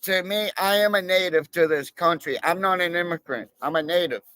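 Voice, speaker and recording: A man's voice: high voice, fairly quick, pushed and bright. A man from Massachusetts talking in a rambling, profane casual livestream chat, full of fillers. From Massachusetts, USA. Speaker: livestream guest, cop watcher.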